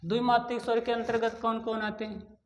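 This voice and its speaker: A man's voice: very high-pitched, completely flat delivery. Guy teaching grammar for an exam, says terms over and over, asks then answers himself, roomy echo. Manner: repeats key terms slowly, asks and answers own questions. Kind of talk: Hindi grammar lesson for exam students. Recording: echoey room.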